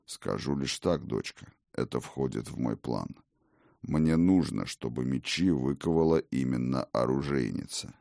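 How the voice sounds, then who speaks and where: A man voicing an imperious, hearty old god-king who talks in a slow, rumbling, commanding way. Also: gravelly, warm tone, no room sound, studio quality, exaggerated voice. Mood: musing. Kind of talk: audiobook character reading.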